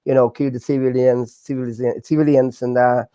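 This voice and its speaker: A man in his forties from Hungary with a Hungarian accent, telling his story in a casual interview with many fillers and halting non-native grammar. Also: medium pitch, level tone, dark tone, clean tone, dry recording. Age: 40s. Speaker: guest, breakdancer.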